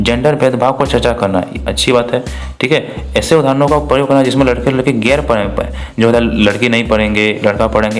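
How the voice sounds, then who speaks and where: Male teacher, mid pitch, walks through test questions and keeps repeating himself, faint music under it. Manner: repetitive, asks and answers his own questions. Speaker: exam prep teacher. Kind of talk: spoken exam walkthrough.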